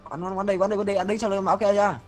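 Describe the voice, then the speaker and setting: A man streaming a game, loudly teasing and shouting at his teammates. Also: high-pitched, little pitch movement, racing. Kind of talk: excited gameplay commentary. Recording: game music behind.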